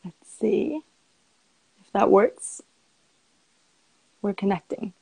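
A woman's voice: medium pitch, expressive, slow pace, gravelly, warm tone, husky, low-quality recording. A woman hosting a live-stream interview, chatty and giggly, with many fillers. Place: indoors, on a live video stream.

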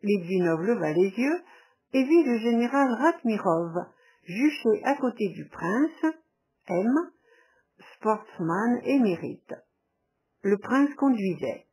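Brief: woman audiobook narrator, slow and measured, warm, breathy. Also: on the high side, expressive, rough recording. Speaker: audiobook reader.

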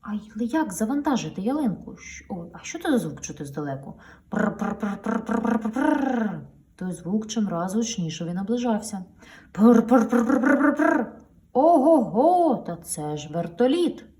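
A woman's voice: medium pitch, very animated, a little fast, few pauses, warm tone. A woman reading a children's picture book aloud to her daughter, with playful storytelling and sound effects, heard a little distant from the mic.

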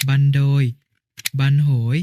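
A man's voice: slow, slight background noise, close to an everyday voice. A man playing a patient older brother who explains a lesson step by step in an educational cartoon.

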